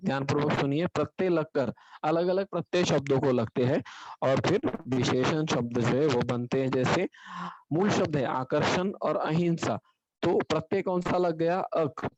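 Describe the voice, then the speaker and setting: A man's voice: a little high, a little mellow, slight background noise. A male teacher giving an online grammar lesson, explaining step by step and asking and answering his own questions. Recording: dull lo-fi online class audio.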